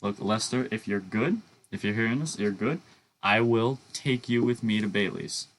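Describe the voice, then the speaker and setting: A young man co-hosting a casual podcast, joking around with many restarts and halting phrases. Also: on the low side. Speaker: podcast co-host.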